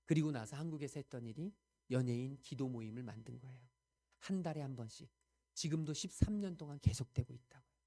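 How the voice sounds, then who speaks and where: A male pastor delivering a Sunday sermon, telling a story earnestly, rising to loud emphasis and dropping to hushed quoted prayers. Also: mid-range voice, fast. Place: church sanctuary.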